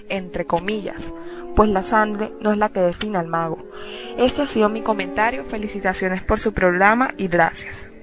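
A woman from Colombia reading out a composed voice message to a podcast. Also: medium pitch. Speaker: listener sending a comment. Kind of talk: read-out voice message.

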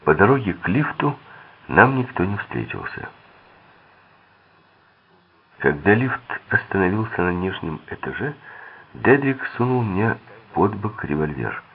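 A man's voice: on the low side, sing-song, normal speed, gravelly, husky. A man reading a thriller audiobook aloud, shifting his tone slightly for the characters' quoted lines. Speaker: audiobook narrator. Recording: tinny phone-like sound.

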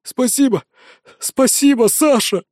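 A man's voice: expressive, slow, darkish tone, no echo, clean studio sound, full character voice. A man voicing a frightened boy called Rat, begging tearfully for help in an audiobook. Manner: pleading, tearful, high-pitched.

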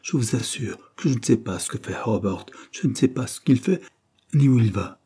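A man's voice: medium pitch, lively intonation, moderate pace, mellow, husky. A man voicing a startled, cowardly young man in an audiobook reading, speaking in a nervous, defensive way. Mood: pleading.

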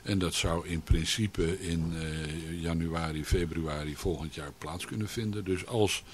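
A man answering questions on a local radio show as a municipal official, speaking haltingly with many pauses and restarts. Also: deep voice, fairly even intonation, slight background noise. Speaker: local alderman as radio guest.

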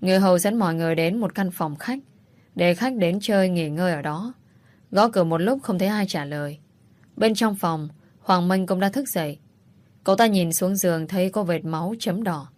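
A woman narrating a family-drama audiobook in a steady, dramatic storytelling manner. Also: lowish voice, normal speed. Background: faint music.

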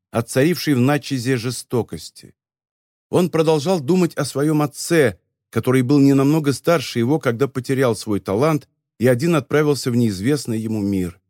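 A man narrating an audiobook in a calm, measured way. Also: medium pitch, no echo, clean studio sound. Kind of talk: scripted narration.

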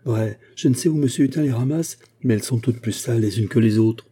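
A man reading aloud, voicing a sharp-tongued young woman shop clerk in a storybook. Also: mid-range voice, a little fast, husky, close to an everyday voice. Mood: mocking. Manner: tart, mocking.

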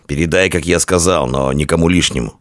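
A man voicing a tough red-bearded Byzantine decurion who barks orders in a gruff, commanding way. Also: a bass voice, fairly quick, dry recording, studio quality. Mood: urgent.

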